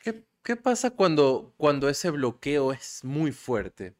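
A man in casual chat, asking a question haltingly while searching for words. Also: on the high side, very animated.

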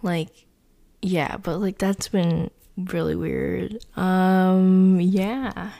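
A teenage girl chats casually on her own podcast, rambling along in a slow, unhurried way. Her voice has a gravelly, fried edge and often drops to a soft half-whisper. She stops often and fills the gaps with small fillers. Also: fairly low pitch, fairly even intonation. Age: teens. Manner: rambling, halting, heavy on fillers. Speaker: podcast host. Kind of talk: casual chat.

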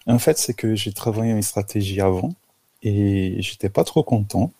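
A man from Brazil with a Brazilian accent, speaking French as a guest in a casual interview, halting with many restarts. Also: lowish voice, expressive, dark tone, breathy edge, no echo. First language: Portuguese. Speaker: guest, amateur photographer.

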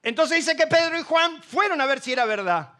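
A man's voice: very high-pitched, animated, a little fast, sharp tone. A middle-aged man with an Argentine Spanish accent, preaching a sermon with humor and acting out the voices in his stories. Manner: humorous storytelling, acts out voices. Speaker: pastor.

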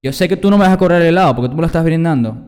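A man, co-hosting a casual podcast, explaining his points slowly with acted-out examples. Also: on the high side, a little mellow, clean tone. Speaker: podcast co-host. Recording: hall reverb.

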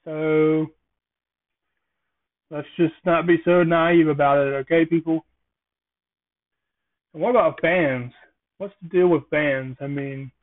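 A man hosting a casual solo podcast, rambling through jokey observational musings. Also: on the high side. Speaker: podcast host. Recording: tinny phone-like sound.

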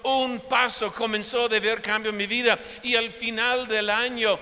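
A man's voice: very high-pitched, flat delivery, a little slow, pushed and bright. A man preaching a sermon as pastor, repeating phrases for emphasis and acting out conversations with his congregation, in a large church hall. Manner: preaching with emphatic repetition and acted-out dialogue. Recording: long church hall reverb.

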